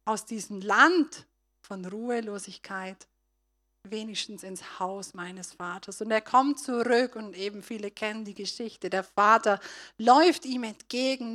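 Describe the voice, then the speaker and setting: A woman giving a sermon, retelling a story and speaking straight to her listeners, her loudness swinging between soft and strong. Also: fairly high pitch. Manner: retells a story with acted voices. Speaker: preacher.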